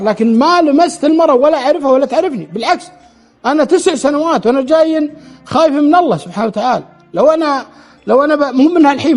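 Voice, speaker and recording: High-pitched fast storyteller man. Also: a little mellow. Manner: retells dialogue in quotes, frequent restarts. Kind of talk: spoken storytelling.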